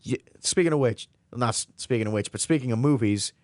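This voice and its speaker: A man's voice: mid-range voice, fairly quick, darkish tone, dry recording. A young man hosting a college radio show, chatting casually in a rambling, jokey way with frequent self-corrections, in a radio studio on a studio microphone. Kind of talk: casual on-air chat.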